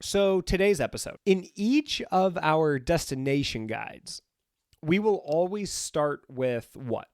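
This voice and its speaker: A man's voice: fairly high pitch, expressive, takes it slowly, a little mellow, dry recording, clean studio sound. A man co-hosting a casual podcast with joking banter, his voice nasal and stuffed up as if his nose were pinched by a cold. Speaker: podcast co-host. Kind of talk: casual unscripted podcast chat.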